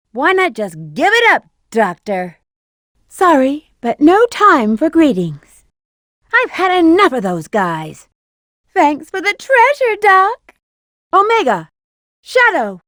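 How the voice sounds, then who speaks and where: A woman's voice: very high voice, fairly bright tone, no room sound, clean studio sound, exaggerated voice. A woman playing a sly, confident, flirtatious female bat treasure hunter in a video game. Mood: smug, teasing, then cocky, excited. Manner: sassy, flirtatious, self-assured. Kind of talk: video game character voice lines.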